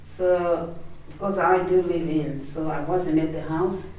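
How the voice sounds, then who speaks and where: A woman from Zimbabwe explains things in a measured, steady way in an interview. Her voice is warm and dark. She sounds distant in a very echoey room. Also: lowish voice. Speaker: cooperative resident. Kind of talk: interview, recounting. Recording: echoey room from far off, faint noise.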